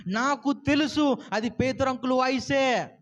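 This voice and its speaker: A man voicing an excited little girl who insists on news of a visitor, in an eager, breathless way. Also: very high-pitched, a little slow.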